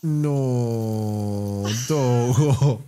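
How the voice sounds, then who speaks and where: A man with an Argentine accent giving casual reaction commentary as a streamer, with quick offhand slangy remarks and frequent laughter. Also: medium pitch, dark tone, a little hiss or hum. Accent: Argentine Spanish.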